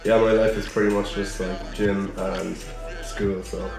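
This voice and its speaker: A young man chatting casually as a fitness vlogger, his voice hoarse and worn, chuckling between answers. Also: low-pitched, level tone, a little slow. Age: young adult. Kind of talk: casual chat. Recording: echoey room with music behind.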